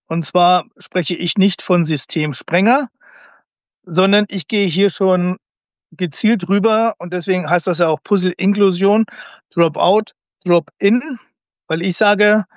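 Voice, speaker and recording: Guy w a pretty high voice, thinks out loud a lot, dry slightly dull podcast sound. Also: dry recording. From Germany. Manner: thoughtful, explains at length with frequent hesitations. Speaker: guest, special-needs educator. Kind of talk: conversational interview.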